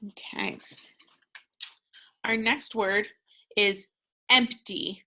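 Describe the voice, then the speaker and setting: Slow, bright-voiced American woman teaching phonics. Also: medium pitch. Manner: patient, encouraging, pauses for answers. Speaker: second grade teacher. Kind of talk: slow, clear phonics lesson for children.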